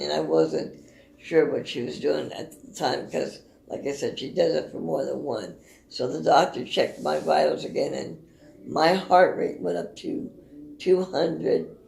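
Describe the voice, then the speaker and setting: Slow, gravelly-voiced woman in an echoey room. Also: sits low, darkish tone. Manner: slow, halting, many fillers and restarts. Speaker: service dog owner. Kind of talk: casual explanation to camera.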